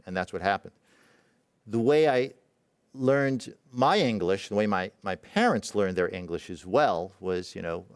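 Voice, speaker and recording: A middle-aged man from Israel speaks in a low, smooth and resonant voice. He tells a personal story haltingly and reflectively, with many fillers and restarts. The sound is dry and close, with no room echo. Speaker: presenting physician.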